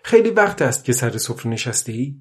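A man's voice: mid-range voice, sing-song, a little mellow, lightly acted. A man voicing a weary old fisherman who talks aloud to the fish and to himself, strained and pleading, in a storybook reading. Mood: coaxing.

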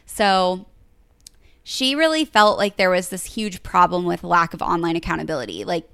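A woman's voice: on the low side, expressive, moderate pace, creaky, a bit bright, smooth, dry recording. Young woman podcast co-host, chatty storyteller, lots of "like", dry closely miked sound. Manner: chatty, fills speech with "like". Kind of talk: casual chat, retelling a story.

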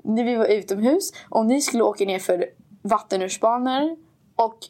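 A woman's voice: on the high side, mellow. A young woman from Sweden, co-hosting a podcast, chatting casually and switching between Swedish and English with frequent laughs. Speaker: podcast co-host. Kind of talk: casual chat.

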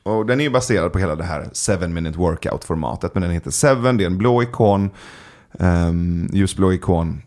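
A man chatting as a podcast guest, telling stories in a relaxed way with many filler sounds. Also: deep voice. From Sweden. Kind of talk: casual storytelling chat.

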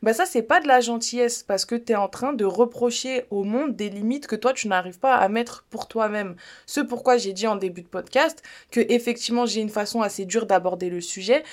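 A woman's voice: a little high, a little fast, hardly any pauses. Chatty blunt woman podcaster. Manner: chatty, blunt and playful, slips in joking foreign-accent bits. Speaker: podcast host. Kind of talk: casual self-help podcast monologue.

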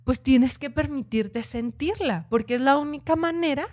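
A woman in casual conversation telling an animated personal story, full of fillers and restarts. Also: high-pitched, normal speed. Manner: animated, many "o sea" fillers.

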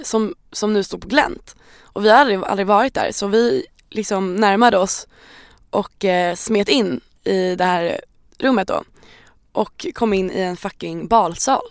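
A woman, casually telling a lively childhood anecdote as a podcast co-host. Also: mid-range voice, gravelly, dry recording. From Stockholm. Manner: lively anecdotal, acts out quotes, swears casually. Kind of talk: casual chat, storytelling.

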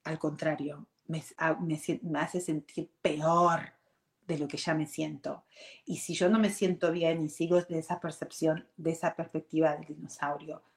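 A woman's voice: sits low, flat delivery, moderate pace. A woman gives a reflective personal talk on meditation and emotions. She talks earnestly, restarts phrases often, keeps checking in with "ok?" and slips in English words. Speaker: meditation and self-growth speaker. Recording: roomy echo.

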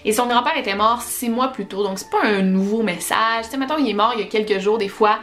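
A woman with a Québécois accent, hosting a podcast and telling paranormal stories in an animated, chatty way. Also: a little high, fast. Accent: Québécois French. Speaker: podcast host.

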